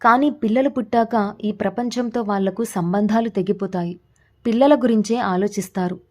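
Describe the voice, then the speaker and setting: A woman reading a story aloud in an even, measured storytelling manner. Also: mid-range voice. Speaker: story narrator. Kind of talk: scripted story narration.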